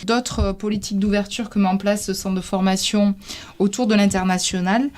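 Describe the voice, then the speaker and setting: A woman's voice: medium pitch, fairly even intonation, a little fast, darkish tone. A woman interviewing on radio as host, rephrasing as she goes in a hesitant manner. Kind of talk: semi-prepared radio interview.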